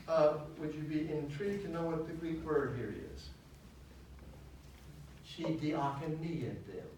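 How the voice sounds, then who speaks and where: A man leading a church Bible study, animated and asking his listeners questions as he teaches. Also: fairly high pitch, measured pace, slight background noise. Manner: animated, asks questions of the class. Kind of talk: teaching sermon. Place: church hall. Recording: echoey hall, mic at a distance.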